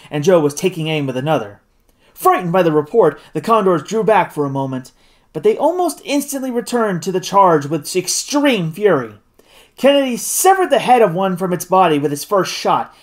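A narrator reading a classic novel aloud in an expressive style. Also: mid-range voice, fairly quick. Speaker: audiobook narrator. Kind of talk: scripted audiobook narration.

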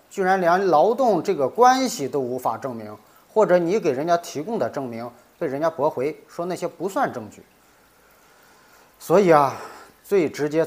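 A middle-aged man hosting a legal commentary, delivering a scripted monologue with indignant rhetorical questions. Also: fairly high pitch.

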